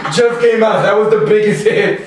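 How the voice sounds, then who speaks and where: A man's voice: high-pitched, steady tone, normal speed, over music. A man from El Salvador, a comedian guest telling rambling stories in slangy casual chat, often laughing. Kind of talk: casual podcast chat, storytelling. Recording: echoey room, distant mic.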